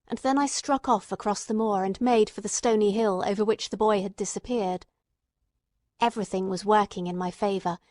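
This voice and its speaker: Reading literary narration from a script, this audiobook narrator, a woman, keeps a measured storytelling pace and careful phrasing. Her somewhat mellow, mid-range voice comes through a dry, studio-quality recording.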